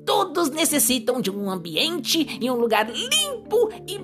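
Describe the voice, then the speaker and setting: A woman's voice: sits high, sing-song, measured pace, music in the background. A woman voicing a jolly, friendly pirate character who hosts a children's story podcast in an exaggerated sing-song way. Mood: cheerful. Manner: exaggerated, sing-song, addressing little listeners.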